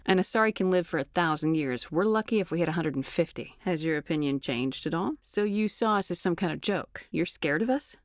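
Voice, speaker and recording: Actress doing a tough lady space commander for a game, low voice, blunt and controlled, really dry close sound. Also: no room sound, close to an everyday voice. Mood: calm, curious, then defensive, irritated. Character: resolute, blunt adult female military space commander. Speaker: voice actor for a game's lead character. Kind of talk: scripted game dialogue.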